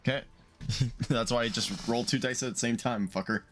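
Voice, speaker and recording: A man acting as game master for a tabletop game, relaxed and casual, laughing and swearing freely. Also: mid-range voice, moderate pace, faint music behind. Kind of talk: running a tabletop game over a call.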